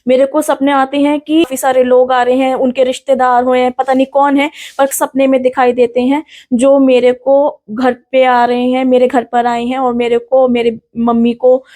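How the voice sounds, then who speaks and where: Young woman with a high, mellow voice. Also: little pitch movement, normal speed, few pauses. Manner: earnest, detailed, with restarts and English words mixed in. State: in pain and frightened. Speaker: interviewee, victim of an assault. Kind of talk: recounting an incident in an interview.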